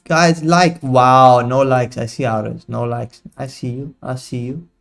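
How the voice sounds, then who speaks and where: Speaking a little slowly, the young host of a live trading stream ribs his viewers and chats in relaxed slang. His voice sits in the middle range, steady in tone with a gravelly edge.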